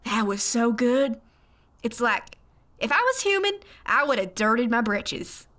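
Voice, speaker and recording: A woman's voice: a little high, big pitch swings, measured pace, a bit bright. An actress playing a chatty, sweet young woman ghost in an audio drama. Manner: bubbly, folksy, chatty.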